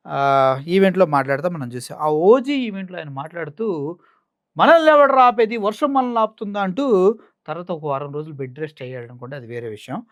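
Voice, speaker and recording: A man's voice: on the high side, a little mellow, no echo, clean studio sound. A man with a Coastal Andhra Telugu accent giving mocking, sarcastic political commentary. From Andhra Pradesh.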